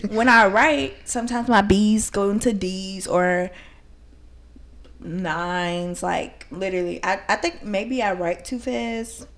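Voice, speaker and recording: Speaking slowly in a mid-range voice, a young woman co-hosts a podcast in relaxed conversation. She's rambling and self-conscious, with a slight lisp and plenty of laughter.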